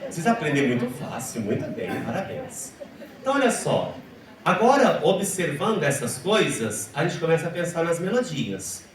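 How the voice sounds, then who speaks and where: A man's voice: on the high side, huge pitch swings, normal speed. A man with a Brazilian Portuguese accent giving a liturgical music lecture, teasing and instructive, leading the audience through chanted examples. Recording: echoey hall from far off, faint hum.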